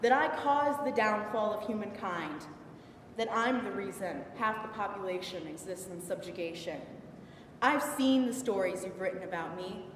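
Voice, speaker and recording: A woman's voice: medium pitch, natural voice. A young woman performing a defiant, indignant biblical Eve in a sarcastic, emphatic, conversational stage monologue. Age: young adult. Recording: echoey hall from far off, some noise.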